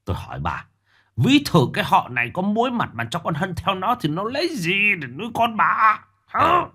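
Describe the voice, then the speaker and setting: A man playing a furious shouting village patriarch. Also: high-pitched, wildly swooping pitch, moderate pace, husky, voice pushed up, exaggerated voice. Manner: shouting, scolding harshly.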